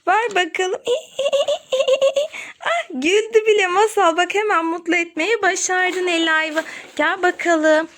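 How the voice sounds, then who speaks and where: A woman's voice: extremely high pitch, steady tone, measured pace, few pauses, a bit bright. A young adult woman in a pretend play with her daughter, talking to her and the dolls in a soothing, coaxing, sing-song way. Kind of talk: playful pretend play for a children's video.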